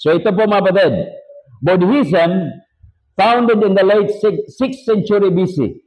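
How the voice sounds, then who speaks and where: A man with a Filipino accent teaches his congregation like a pastor, peppering the lesson with joking asides and rhetorical questions. His voice sits a little high for a man. The recording is dull and lo-fi. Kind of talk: sermon-style teaching to a congregation.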